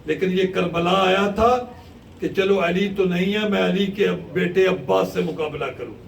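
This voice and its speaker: A male cleric giving an impassioned mourning sermon, telling the story with rising, shouted lament. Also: high-pitched, steady tone, vocal fry, recorded from a distance. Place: large mosque hall. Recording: echoey hall recording from afar, faint hiss.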